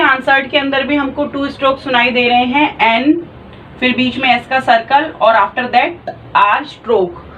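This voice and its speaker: A woman's voice: high-pitched, a bit bright, lo-fi sound, a little hiss or hum. A woman teaching a shorthand class online. She explains patiently and spells out sounds step by step.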